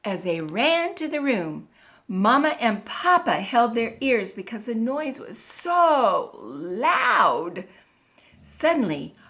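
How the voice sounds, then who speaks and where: A woman reads a children's picture book aloud at a very unhurried pace. Her voice is high and bright, and it swoops through a wide, animated range as she leans into every line. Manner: slow, expressive reading with animal noises. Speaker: storyteller.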